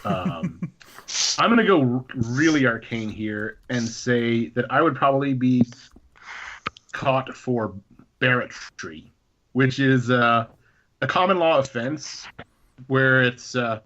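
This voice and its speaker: A man's voice: mid-range voice, slow, long pauses, fairly bright tone, slight background noise. A man who is a former law clerk, a guest on a podcast, explaining things in a chatty way with fillers and chuckles. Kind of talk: casual podcast chat. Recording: slightly dull lo-fi sound.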